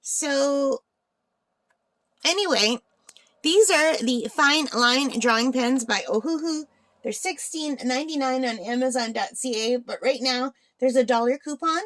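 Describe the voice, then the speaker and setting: Feeling a bit unwell, a woman casually talks her way through a craft unboxing, thinking out loud in a voice that's tiring. It's high and a bit bright, recorded with no room sound.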